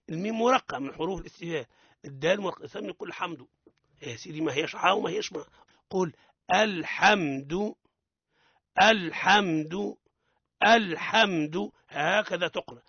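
Bright-voiced man with a Tunisian accent. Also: fairly high pitch, no echo. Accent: Tunisian Arabic. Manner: corrective and instructive, drawing out example words slowly. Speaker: Quran recitation teacher. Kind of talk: radio recitation lesson. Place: radio studio. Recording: dull lo-fi radio broadcast.

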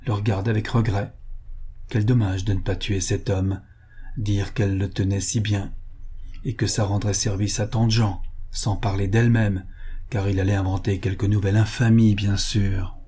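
A man narrating a literary audiobook in a measured, expressive reading. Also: lowish voice, breathy edge.

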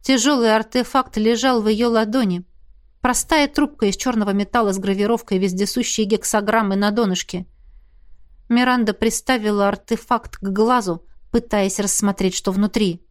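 A woman giving scripted fantasy narration in an even, measured storytelling manner. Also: medium pitch. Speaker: audiobook narrator.

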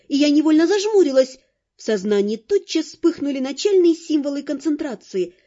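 A woman narrating an audiobook in the first person, lively and expressive, over faint music on a dull lo-fi recording. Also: high-pitched.

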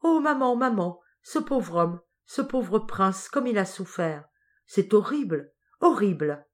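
A woman's voice: mid-range voice, normal speed, voice pushed up, close to an everyday voice. A woman reading a wide-eyed young noble girl. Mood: distressed. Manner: excited, questioning.

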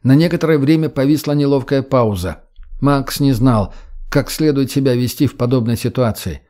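A man narrating an audiobook in a steady, dramatic storytelling manner. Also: mid-range voice, normal speed.

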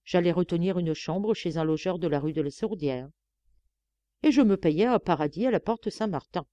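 Warm-voiced woman reading a novel. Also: on the low side, normal speed, no room sound, dull audio. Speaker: audiobook reader. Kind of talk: literary audiobook narration.

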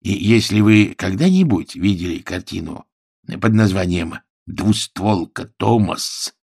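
Storybook character: a slow, earnest, insistent man, low and gravelly, read by the male narrator. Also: lively intonation, darkish tone, dry recording, clean studio sound, exaggerated voice. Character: shy, gun-proud man, slow and earnest.

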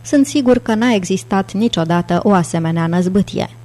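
A woman's voice: mid-range voice, a little mellow, natural voice. A woman reading an audiobook, voicing a patient male professor with a restrained, dry manner. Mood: wry.

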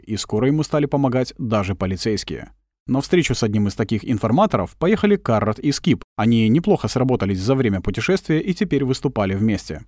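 Expressive male audiobook narrator. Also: mid-range voice, no echo, clean studio sound. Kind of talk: scripted narration.

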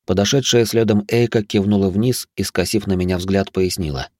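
A man with a fairly low voice reads a first-person adventure audiobook, with a dry, wry edge. The recording is close and dead, with no room sound. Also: steady tone, moderate pace, darkish tone, no echo. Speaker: audiobook narrator.

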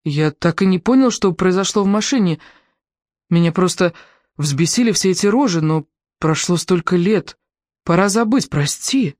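A reader voicing a desperate young man who shouts and pleads, pushy and raw. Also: mid-range voice, lively intonation, fairly quick, no echo, studio quality, lightly acted.

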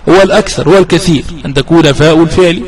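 A man lectures on grammar in a slightly raised voice. He stretches each example word slowly and deliberately, as if dictating to students. He repeats rules for emphasis and asks questions only to answer them himself. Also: a little high, darkish tone, low-quality recording. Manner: slow, deliberate drawing-out of example verb forms. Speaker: grammar teacher. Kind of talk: explanatory lecture on classical grammar.

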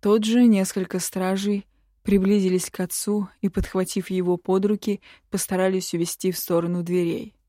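A woman narrating a fantasy audiobook in the first person, slow and even. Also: mid-range voice, no room sound, studio quality.

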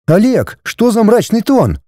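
A scornful, high-handed noblewoman, put on by a man reading a story. Her voice sits high and shrill and swings widely, with a dismissive, indignant edge. The recording is dry and close. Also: big pitch swings, normal speed, dark tone, dry recording. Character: haughty scornful aristocratic wife and mother.

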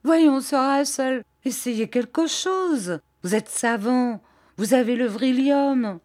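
Audiobook character: a scared male detective whining like a child, read by a woman, pitched high and plaintive. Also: slow, darkish tone. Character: tearful frightened male detective.

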